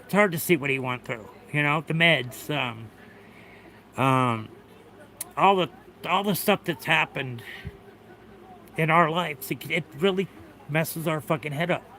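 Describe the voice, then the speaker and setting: A middle-aged man speaks earnestly to his stream with a bright, slightly high voice. He repeats himself and swears freely, sounding close to tears, with faint noise in the background. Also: measured pace, long pauses. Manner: earnest, repetitive, swears often. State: tearful. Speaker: livestreamer. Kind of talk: emotional livestream talk.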